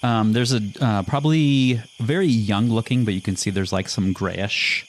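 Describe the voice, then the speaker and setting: A man's voice: lowish voice, moderate pace, slight background noise. A man describing a character in a tabletop role-playing game, talking in a hesitant, rambling way with many fillers. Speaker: player. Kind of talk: casual chat.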